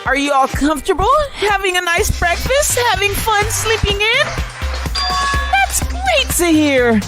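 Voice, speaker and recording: A woman voicing a gleeful, taunting killing game announcer from a visual novel, with a theatrical, drawn-out, sing-song delivery over music. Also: very high-pitched, big pitch swings, voice pushed up, heavily acted. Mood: mock cheer.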